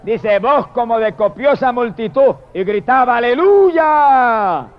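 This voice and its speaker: A man preaching a fiery sermon, swinging from shouted hallelujahs to low murmured praise. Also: unhurried. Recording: dull lo-fi recording.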